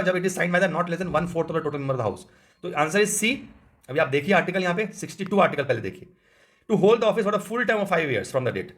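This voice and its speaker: A man's voice: high-pitched, fairly bright tone. Indian man teaching a quiz walkthrough. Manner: reads English text slowly, then explains in quick Hindi asides with frequent "theek hai"; corrects himself mid-explanation. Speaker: exam coaching teacher. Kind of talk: quiz answer walkthrough lesson.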